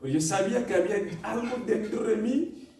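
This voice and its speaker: A man's voice: high voice, fairly quick, warm tone, slight background noise. A man giving an earnest personal testimony in a church sermon, telling his story with many repeated phrases. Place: church meeting room. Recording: echoey church room from a distance.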